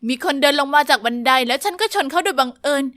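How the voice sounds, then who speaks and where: A woman narrating a first-person story, lively and confiding, speaking straight to the listener. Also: sits high, fast talker.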